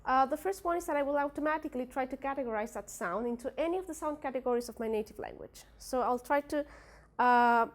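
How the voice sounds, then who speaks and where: A young woman, a native Spanish speaker from a Spanish-speaking country, presents her research at an academic workshop in a high-pitched voice, talking quickly with hardly any pauses. Her speech carries a Spanish accent and plenty of fillers and restarts.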